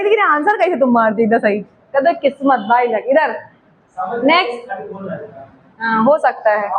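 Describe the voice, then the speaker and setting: A woman's voice: extremely high pitch, a bit bright, highs cut off, a little hiss or hum. A woman teacher with an eastern Uttar Pradesh Hindi accent, teaching a chemistry class and coaxing students with teasing questions.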